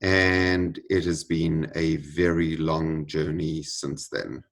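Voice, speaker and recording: Slow, very deep-voiced man. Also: level tone. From United States. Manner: measured, solemn. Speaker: interview guest. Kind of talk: interview answers.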